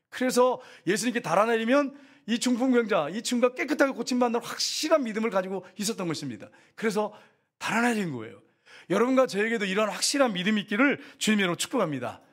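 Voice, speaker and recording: A middle-aged man preaching a sermon. His voice sits high, and his pitch swings widely as he throws questions out to the congregation. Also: slightly rough. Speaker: pastor.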